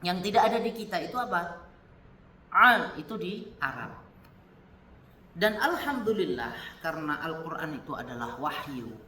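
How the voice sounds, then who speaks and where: Male teacher from Indonesia running a Quran reading class, bright voice, some distance from the mic. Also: high-pitched, a little hiss or hum. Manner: demonstrates Arabic letter sounds aloud, repeating them. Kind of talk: Quran recitation lesson. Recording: echoey room, speaker off-mic.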